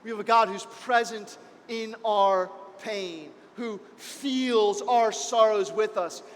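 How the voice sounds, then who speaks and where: A man preaching as pastor, impassioned, moving between hushed and raised passages. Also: sits high, slow pace, in a large hall, slight background noise. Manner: impassioned, swings between soft and loud. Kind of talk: sermon. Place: church.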